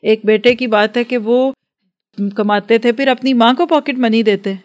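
Woman, religious teacher, earnest advising lecture, somewhat high voice. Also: steady tone, a little slow, darkish tone. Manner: earnest, advising, acts out everyday dialogues. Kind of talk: lecture to a women's class.

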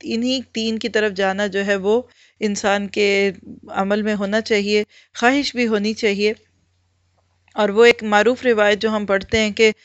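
In a muffled, lo-fi recording with no room sound, a woman with a voice on the high side delivers an Islamic lecture, walking through points step by step and answering her own rhetorical questions.

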